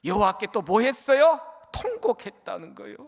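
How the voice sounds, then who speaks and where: A male pastor preaching a sermon with passion, swinging from shouts to near-whispers and calling out to the congregation. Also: high voice, big pitch swings, moderate pace, gravelly. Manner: keeps addressing the congregation.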